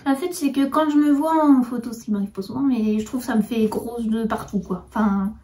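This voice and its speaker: A woman's voice: on the high side, brisk, dark tone, recorded from a distance, slight background noise. A woman co-hosting a podcast in casual chat, hesitant, with many fillers, often trailing off. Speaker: podcast co-host.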